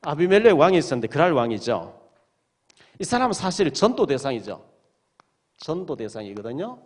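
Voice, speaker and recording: A man preaching in a church, his fairly high voice rising and falling with lively swings. He reads the verses aloud and retells the stories with plenty of drama. Sermon delivery with an audience in mind. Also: brisk. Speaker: pastor. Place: church sanctuary.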